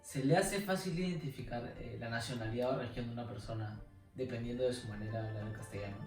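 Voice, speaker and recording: A man conducting an interview, reading prepared questions quickly and briskly. His voice comes from a distance in an echoey room, with faint music in the background. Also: mid-range voice, a little mellow.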